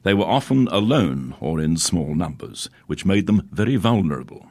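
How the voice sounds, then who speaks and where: A man's voice: deep voice, sing-song, moderate pace, darkish tone, no echo. A man, hosting a heritage radio show and introducing segments in a solemn scripted read.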